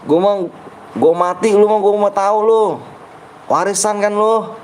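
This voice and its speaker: A man's voice: high voice, measured pace, darkish tone. A young man with a Betawi accent streaming a game, grumbling and bickering with his chat in slangy casual talk. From Jakarta, Indonesia.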